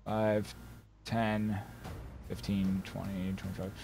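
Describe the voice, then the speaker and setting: A man's voice: fairly low pitch, little pitch movement, slow pace, creaky, warm tone, soft background music. A man running a tabletop game as game master over online group voice chat, narrating loosely with many fillers.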